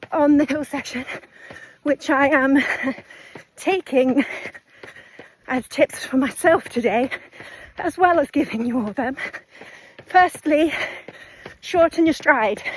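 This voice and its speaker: A middle-aged woman talking casually to camera while running, out of breath, in short phrases broken by breathing, recorded outdoors on the move. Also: high-pitched. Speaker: running vlogger. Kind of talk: casual vlog talk to camera.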